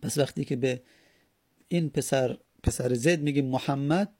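A man's voice: medium pitch, dark tone, breathy edge, no room sound, clean studio sound. A man teaching a grammar lesson, patiently repeating and spelling out each step. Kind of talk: Arabic grammar lesson in Persian.

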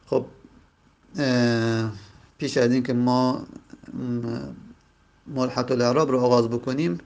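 A man's voice: medium pitch, steady tone, darkish tone, dull audio. A man teaching a grammar lesson with a Persian accent, explaining step by step and repeating each point in other words. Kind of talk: grammar lecture.

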